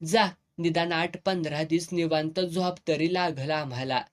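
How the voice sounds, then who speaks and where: A storyteller voicing a gruff old village headman. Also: mid-range voice, fairly even intonation, measured pace, close to an everyday voice. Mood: coaxing. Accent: rural Marathi village dialect. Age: older. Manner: gruff, earthy, commanding.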